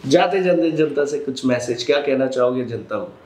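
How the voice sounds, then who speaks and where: A man's voice: mid-range voice, expressive, moderate pace, a little mellow. A man interviewing a guest, asking short prompting questions. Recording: echoey room.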